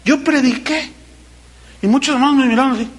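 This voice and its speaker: A man's voice: very high-pitched, a little fast. A middle-aged Mexican man preaching a sermon as pastor, telling folksy, personal stories with teasing, earnest remarks. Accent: Mexican Spanish.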